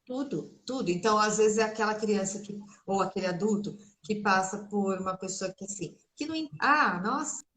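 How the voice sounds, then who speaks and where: A woman's voice: mid-range voice, a little fast, few pauses, fairly bright tone, poor audio. A woman guest speech therapist explaining in a conversational way on a video call, with many tag questions. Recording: faint noise and clicks on a call.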